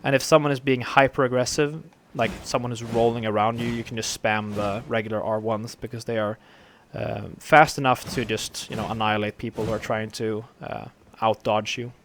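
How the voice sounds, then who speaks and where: A man with a dry, gravelly throat giving rambling, casual commentary over his own game duels. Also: lowish voice, a little fast, slight background noise. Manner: rambling, relaxed, many fillers. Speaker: gameplay commentator.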